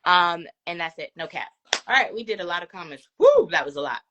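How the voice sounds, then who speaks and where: A woman hosting a casual live stream, reading viewer comments aloud with laughs and quick asides. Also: on the low side, sing-song, a bit bright, muffled recording, slight background noise.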